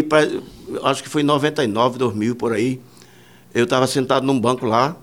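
A man, a musician and producer, telling rambling anecdotes in a casual interview, full of fillers and quoted dialogue. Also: medium pitch.

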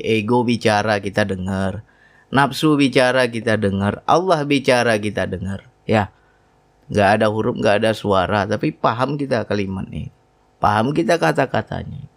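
Middle-aged male teacher, gravelly voice, chatty storytelling, asks "right?" often. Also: on the low side. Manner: storytelling, acts out wife's voice, frequent "ya kan?". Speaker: spiritual teacher. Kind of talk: casual religious talk.

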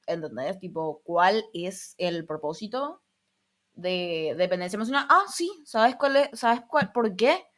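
A woman's voice: fairly low pitch, animated, unhurried, fairly bright tone. A young woman from Paraguay with Argentine touches in her Spanish, rambling and giggling through a casual solo podcast chat. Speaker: podcast host.

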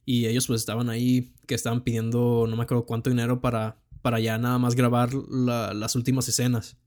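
A man's voice: medium pitch, monotone, fairly quick, a little mellow. A young man with a Mexican accent, chatting casually about films with plenty of slang and swearing. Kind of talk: casual film chat.

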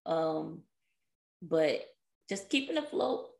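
A woman co-hosting a podcast in casual chat, hoarse from an irritated throat, laid-back and chatty. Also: low voice, big pitch swings, slow, darkish tone, roomy sound. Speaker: podcast co-host.

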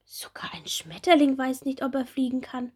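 Bommel, a woman doing a squeaky little bumblebee. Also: level tone, normal speed, a little mellow, husky. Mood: wondering eager. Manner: high, eager, questioning. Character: little timid wondering bumblebee girl.

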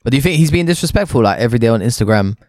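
A man's voice: mid-range voice, animated, very fast, darkish tone, no echo, clean studio sound. A young man with a London roadman accent and slang, debating casually.

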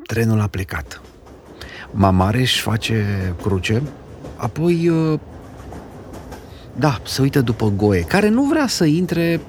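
A man giving a dramatic reading of a classic story, lively and expressive. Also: on the low side, a little hiss or hum. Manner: lively, expressive, acts out characters.

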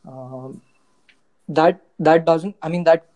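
Mellow, higher-pitched Indian man, hesitant talker. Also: fairly even intonation, slow pace. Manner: hesitant, searching for words. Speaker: podcast guest, cafe co-founder. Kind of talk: casual reflective talk.

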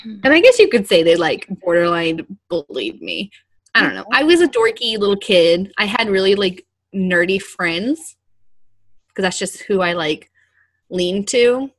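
A young woman chatting on a podcast, with a medium-pitched voice and a dry, close sound. She rambles through stories with plenty of fillers and laughs often. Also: sing-song, measured pace, dry recording. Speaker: podcast co-host. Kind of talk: casual chat.

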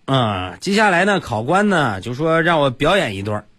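A man telling comic stories in a casual monologue, jumping into loud high voices for the people he quotes. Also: very animated, normal speed, husky, no echo. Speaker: comedy storyteller.

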